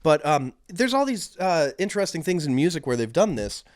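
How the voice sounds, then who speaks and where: A man's voice: on the high side, sing-song, fairly quick, no echo. Rambling young man, dry close sound. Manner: rambling, filler-heavy storytelling. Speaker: podcast co-host. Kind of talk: casual chat.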